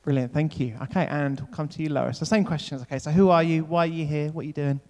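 An upbeat man hosts a casual stage interview in church, his voice sitting a little high for a man. Talk is loose and friendly, full of "yeah" and "brilliant", and it turns to spoken prayer. A long reverb trails each line in the large hall. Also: steady tone, quick pace, darkish tone. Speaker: church leader hosting an on-stage welcome.

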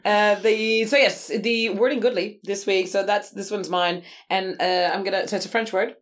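A woman co-hosts a relaxed podcast, chatting playfully and laughing often. Her voice sits in a middle pitch, easygoing and conversational. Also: normal speed. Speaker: podcast co-host. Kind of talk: casual chat.

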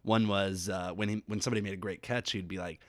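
A man's voice: sits low, steady tone, fast. A man from the Cincinnati area, a podcast guest chatting casually and laughing often as he tells stories. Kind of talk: casual chat.

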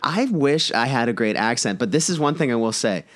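A man co-hosting a podcast, chatting in an animated, self-mocking way. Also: medium pitch, brisk. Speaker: podcast co-host. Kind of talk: casual banter.

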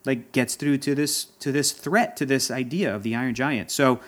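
A man's voice: medium pitch, normal speed. A man in casual chat as a podcast guest, talking in a passionate, rambling and emotional way. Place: Los Angeles area.

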